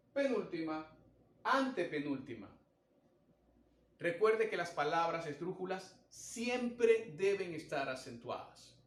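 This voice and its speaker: A man's voice: on the high side, roomy sound. A man teaching a grammar lesson, explaining step by step and counting out syllables. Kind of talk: recorded language lesson.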